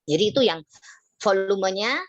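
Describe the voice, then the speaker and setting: A woman teaching sales communication in an online workshop, lively and acting out sales pitches. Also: no echo, dull audio. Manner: lively, acts out customers and salespeople in quick voices.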